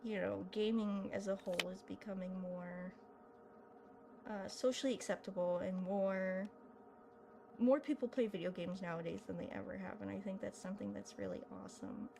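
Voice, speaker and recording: Playing a game on video, a young woman rambles casually in a chatty, self-deprecating way, leaning on many fillers. Her mid-range voice is gravelly and moves at normal speed, with slight background noise and loud game music under her.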